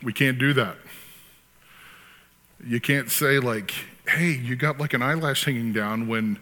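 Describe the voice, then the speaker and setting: A man's voice: medium pitch, a little slow, pushed and bright, big-room sound. A man preaching a sermon in a conversational way, with sarcastic asides and acted-out quotes. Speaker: pastor.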